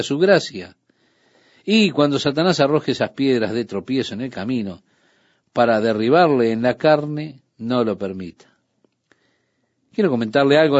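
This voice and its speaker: A man's voice: medium pitch, a little mellow, no room sound. A man preaching a radio sermon, telling stories and acting out his own outbursts. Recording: dull lo-fi dry studio recording.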